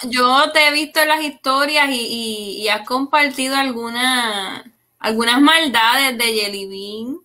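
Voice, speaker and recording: A woman hosting a casual interview, asking questions in an unhurried way with reassuring tags. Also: sits high, bright, forceful tone. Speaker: interview host.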